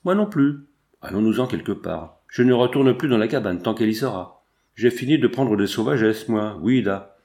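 A hot-tempered gold prospector bellows his outrage, as a male audiobook reader plays him. The voice sits higher than the reader's own and comes out loud and exclaiming. An old-fashioned storybook adventure. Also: expressive, normal speed, lightly acted. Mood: indignant.

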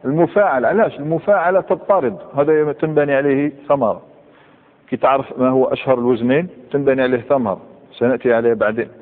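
A man with an Algerian Arabic accent teaching grammar in a classroom lecture, quizzing students and reciting verb patterns slowly. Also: medium pitch. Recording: tinny, echoey hall recording.

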